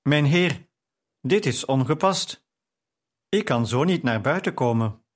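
A man's voice: mid-range voice, animated, slow. A man reading a shy, flustered young wife. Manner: flustered, formal and modest. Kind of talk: audiobook reading.

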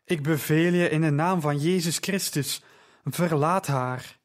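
A man voicing a blunt, resolute male apostle who speaks in a measured, no-nonsense way in a storybook reading. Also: fairly high pitch, steady tone, close to an everyday voice.

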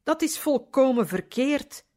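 A woman voicing a gentle, earnest young priest in a storybook reading, asking kind questions. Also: extremely high pitch, lively intonation, a little slow, pitched above the performer's own voice. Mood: alarmed. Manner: gentle questioning, raised when alarmed.

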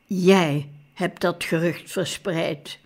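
A woman voicing a calm, matter-of-fact male scientist examining a patient, read slowly in an audiobook. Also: lowish voice, full character voice. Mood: calm clinical.

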